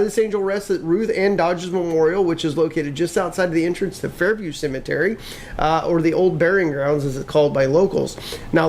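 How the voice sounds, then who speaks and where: A man with a fairly high voice tells a spooky legend in a loose, rambling way. He stops and starts often and fills the gaps with fillers. A faint hiss of noise sits under his voice. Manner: rambling, halting with many fillers. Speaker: co-host. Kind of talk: casual chat, storytelling.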